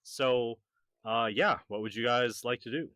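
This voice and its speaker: A man running a tabletop game as game master, narrating haltingly with many fillers and laughs. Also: medium pitch, fairly bright tone, no room sound.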